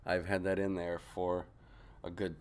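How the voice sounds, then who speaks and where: A man with a very low voice talks through an informal review. He thinks aloud in a halting way, drifting into side remarks and picking the thread back up. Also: flat delivery, clear, resonant tone. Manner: musing, halting, trailing into asides. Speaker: pipe tobacco reviewer. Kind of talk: casual unscripted product review.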